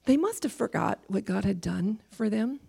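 Woman, Bible teaching, gravelly voice, emphatic, slow scripture reading, occasional whispers. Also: mid-range voice, animated, warm tone.

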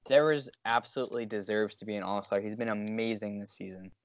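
A man's voice: fairly low pitch, steady tone, fast, no echo. Man, dry close sports-podcast voice. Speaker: podcast co-host. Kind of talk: casual sports chat.

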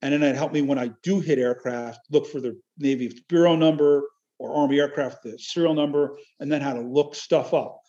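A man talking casually in an interview, halting and rambling but enthusiastic. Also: mid-range voice, steady tone, warm tone. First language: Chiac French. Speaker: amateur military history researcher, podcast guest. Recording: dull, lo-fi audio.

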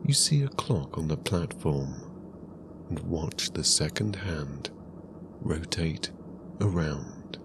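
A man narrating a guided sleep story in a calm, soothing, hushed voice with long pauses. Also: a bass voice, creaky, noisy background.

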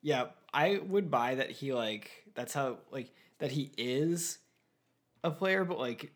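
Guy chatting about a movie on a podcast, says like a lot, mid pitch, rambly. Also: expressive, slow pace. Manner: rambling, heavy on filler "like". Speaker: podcast co-host. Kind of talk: casual movie discussion.

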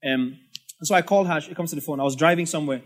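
Talking very fast in a voice on the high side, this Nigerian-accented pastor relates a story in his sermon. His delivery is conversational and full of asides.

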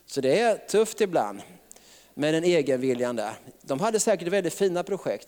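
A man's voice: mid-range voice, a little mellow, long reverb tail. A man preaching a sermon in a chatty style, often laughing and tagging his sentences with questions.

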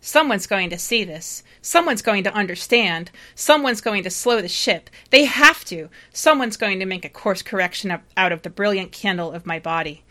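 A woman playing a panicked, doomed lighthouse keeper in space, delivering a halting, confessional distress-call monologue. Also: mid-range voice, bright, forceful tone, close to an everyday voice. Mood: desperate, exalted. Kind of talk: dramatic first-person monologue read aloud.

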